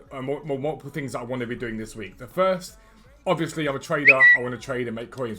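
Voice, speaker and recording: Talking straight to his audience, a male gaming YouTuber keeps things chatty and informal. His voice sits in the mid range with a fairly bright tone, and his R's sound like w since he can't pronounce them properly.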